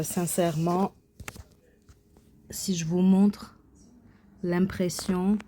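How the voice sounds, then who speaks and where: Her voice sits on the low side and sounds mellow, with a bit of background noise. This craft channel host from Quebec is sharing her coloring and embroidery in a relaxed show-and-tell vlog, stumbling through fillers and restarts.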